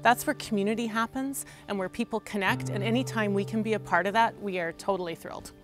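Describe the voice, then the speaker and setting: A woman's voice: medium pitch, fast talker, music in the background. A woman speaking earnestly about community and food as a partner of the restaurant, in a documentary interview.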